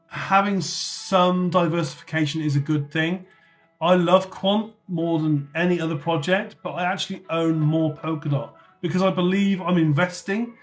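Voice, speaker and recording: A chatty man with a slightly high voice. He hosts a casual livestream and answers viewer comments one after another in a loose, offhand way, swearing now and then. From North Somerset, England. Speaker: livestream host.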